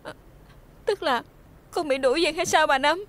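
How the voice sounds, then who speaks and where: A woman's voice: high voice, moderate pace, fairly bright tone. Tearful wronged servant girl. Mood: sobbing. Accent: Southern Vietnamese. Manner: tearful pleading, breaks into sobs. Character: young maidservant, scalded face, wronged and desperate. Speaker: maidservant. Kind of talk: TV folk-tale drama acting.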